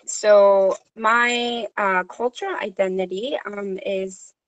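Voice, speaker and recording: This slow, hesitant woman is a Korean social worker, Korean being her first language, taking part in a supervision meeting conversation. She uses many fillers and restarts, speaking in a mid-range, steady, clean-toned voice.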